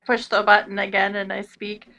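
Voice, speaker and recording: A woman's voice: medium pitch, flat delivery, gravelly, pushed and bright. A woman playing a tabletop game on a voice call, joking playfully with the group. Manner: playful, slow and giggly. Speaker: player. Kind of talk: casual tabletop role-play.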